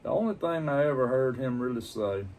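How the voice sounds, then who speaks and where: A man telling a personal story casually, in a plain-spoken, halting, reflective way. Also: medium pitch, animated, a little mellow, a little hiss or hum, low-quality recording. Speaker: pipe-smoking vlogger.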